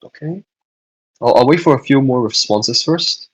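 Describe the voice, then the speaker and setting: Husky-voiced young man tutoring online. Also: medium pitch, moderate pace, low-quality recording. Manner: hesitant, repeats and restarts phrases, answers chat questions. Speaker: student tutor hosting a revision session.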